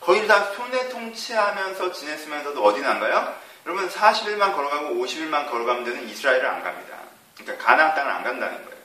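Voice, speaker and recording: A man's voice: a little high, lively intonation, quick pace, hardly any pauses, sharp tone. A man preaching a sermon as a pastor, who keeps asking the congregation questions. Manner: asks the audience rhetorical questions. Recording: echoey hall from far off.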